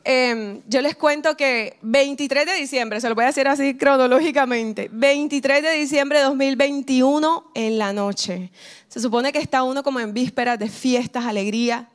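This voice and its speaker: A woman's voice: high-pitched, normal speed. A woman giving a sermon, telling her own story in an earnest, personal way. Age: adult with a ten-year-old son. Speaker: preacher.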